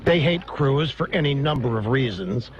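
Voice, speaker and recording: Animated man on talk radio. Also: medium pitch, moderate pace. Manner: animated, mocking, mimics others in exaggerated voices. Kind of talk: political talk radio monologue. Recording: dull lo-fi radio broadcast.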